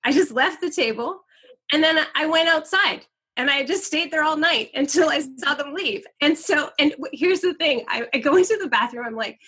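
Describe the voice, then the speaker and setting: A middle-aged woman, a podcast guest, telling a personal story in candid conversation, animated and full of "like" fillers, swearing freely. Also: sits high, moderate pace.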